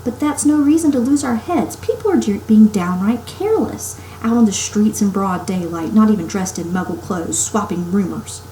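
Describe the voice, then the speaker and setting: In a roomy, echoing space with some noise, a severe witch professor played by a woman reading aloud scolds briskly. She is a storybook character, irritable and indignant, in a mid-pitched voice. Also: expressive, mellow, close to an everyday voice. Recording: roomy echo, clear background noise.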